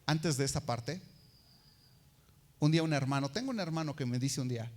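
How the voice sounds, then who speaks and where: A man's voice: fairly high pitch, a little fast, darkish tone. A man preaching a sermon, telling a personal story and acting out the voices of the people he quotes.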